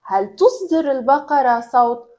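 A young woman teaching small children in an animated, sing-song way, imitating animal sounds. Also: high-pitched, moderate pace. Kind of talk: children's educational lesson.

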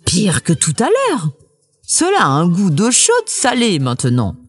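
A woman voicing a greedy, gullible big bad wolf in a children's storybook reading, with a growly, drawn-out grumble. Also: medium pitch, wildly swooping pitch, husky, heavily acted.

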